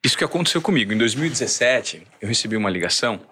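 A man's voice: lowish voice, racing, a little hiss or hum. A man with a Brazilian Portuguese accent, hosting a casual chat and telling stories energetically. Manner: energetic storyteller, slangy.

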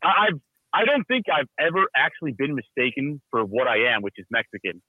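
A man's voice: mid-range voice, sing-song, a little fast, husky, no room sound. Man calling in over a tinny phone line. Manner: laid-back, rambling, says "dude" often. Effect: heard over a cell phone line. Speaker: caller. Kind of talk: casual chat.

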